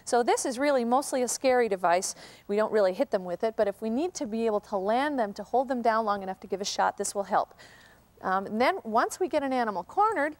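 High-voiced woman, calm wolf handler. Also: fast, dry recording. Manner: calm, patient explaining while handling a wolf. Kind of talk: educational live broadcast demonstration.

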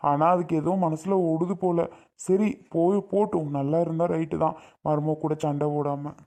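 A woman's voice: sits low, level tone, moderate pace, dark tone, pitched below the performer's own voice. A woman doing a weary old village husband. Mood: resigned. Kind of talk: family skit acting.

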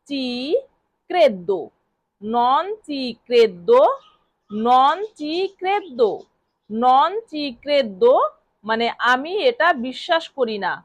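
Slow, high-voiced woman teaching a language. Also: no echo. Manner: repeats phrases slowly and clearly for practice. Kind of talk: spoken language lesson.

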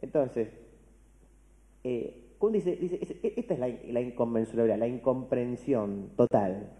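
A man's voice: mid-range voice, a little slow, warm tone. A man with an Argentine Spanish accent giving a philosophy lecture. He speaks conversationally, often checks in with "¿no?" and restarts his words. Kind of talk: university-style lecture to a large audience. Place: large lecture hall. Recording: long hall reverb.

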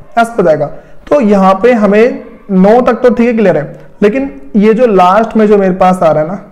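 A man's voice: high-pitched, darkish tone. A man teaching an English grammar lesson, explaining step by step and asking himself rhetorical questions as he writes on a board. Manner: repetitive, rhetorical questions to students.

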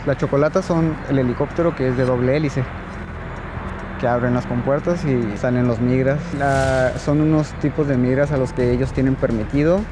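Calm measured man in his thirties. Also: mid-range voice, background noise. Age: 30s. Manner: calm, measured, hesitant with repeated words. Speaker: interviewee. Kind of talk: outdoor interview answers. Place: outdoors at dusk near a border fence. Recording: music bed under the speech.

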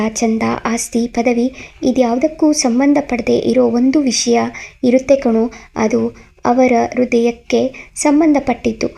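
A woman's voice: fairly high pitch, vocal fry, dark tone. A woman voicing a patient young man who lectures his friend in anger, in a story reading. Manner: lecturing, reproachful. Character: patient young man, suddenly angry defender.

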